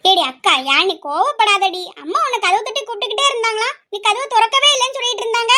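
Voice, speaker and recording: A woman's voice: very high-pitched, fast, pushed and bright. A woman playing a coaxing younger sister. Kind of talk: amateur family drama.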